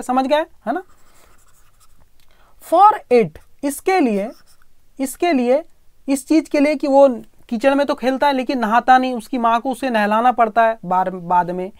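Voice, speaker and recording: A woman's voice: fairly high pitch, no echo, studio quality. A woman teaching English through Hindi. She goes through a story line by line, patiently repeating and spelling out words.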